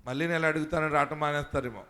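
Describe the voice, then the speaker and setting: A middle-aged male pastor preaching a sermon, emphatic, moving from quiet asides to shouted exhortations and calling on the congregation to answer. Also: on the high side, fairly even intonation, very fast. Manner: calls on the congregation to shout hallelujah.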